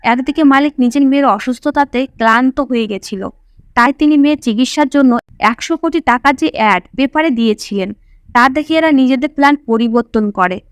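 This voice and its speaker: High-voiced woman storyteller. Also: a little fast, clean tone, dry recording. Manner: steady first-person storytelling. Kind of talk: scripted narration.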